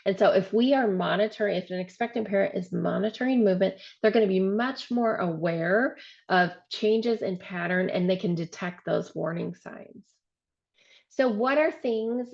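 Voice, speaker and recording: A woman director giving a webinar training, explaining step by step with frequent "um" and "so", her voice showing some vocal fry. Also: medium pitch, lo-fi sound. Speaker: program director presenting a training. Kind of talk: webinar presentation.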